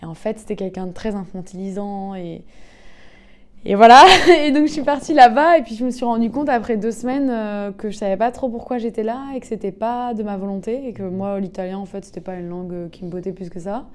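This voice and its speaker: Speaking fairly quickly in a clean, medium-pitched voice, this young woman from southern France recounts her path as a singer and actress. The interview is casual, and she laughs readily, hesitates a lot and fills pauses with sounds.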